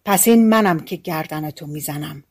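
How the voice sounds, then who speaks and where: A woman reading an audiobook, voicing a vengeful male spirit freed from a bottle that shouts threats and later pleads. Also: sits low, husky, voice pushed down. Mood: menacing. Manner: loud and menacing, turns pleading.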